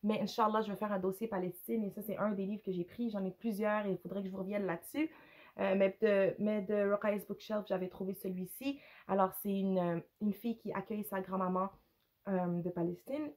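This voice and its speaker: A woman with a Quebec French accent and a hoarse, gravelly voice, casually reviewing books in a hesitant, rambling way with English words slipped in. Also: medium pitch, steady tone, fairly quick, darkish tone. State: hoarse, with a cough. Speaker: book reviewer, mother. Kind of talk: casual unscripted review to camera.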